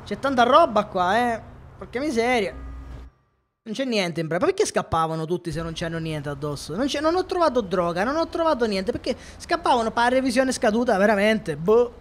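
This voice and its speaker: A gaming streamer from Catania with a Sicilian Italian accent jokes and chats with viewers while playing a police game live. His high voice swings widely in pitch, moving a little fast, with slight background noise.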